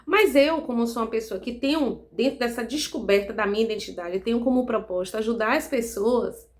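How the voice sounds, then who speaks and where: A woman from Salvador, speaking in an earnest, measured way in a reflective monologue to camera, often tagging her sentences with "né". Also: on the high side. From Salvador, Bahia, Brazil. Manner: earnest, measured, frequent "né" tag questions. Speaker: self-development vlogger.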